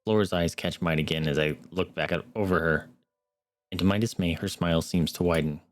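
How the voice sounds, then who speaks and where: A man's voice: deep voice, fairly even intonation, a little fast, no echo, soft background music. A young man streaming, earnestly reading a story game aloud and adding wry asides. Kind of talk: reading a visual novel aloud with commentary.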